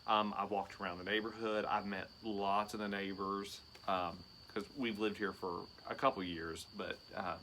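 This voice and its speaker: A man in his thirties co-hosts a relaxed chat, ribbing his partner with jokes. His voice sits on the low side but comes out bright and forceful. A faint hum runs underneath. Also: normal speed, hardly any pauses. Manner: teasing, joking banter. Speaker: teacher and podcast co-host. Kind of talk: casual chat.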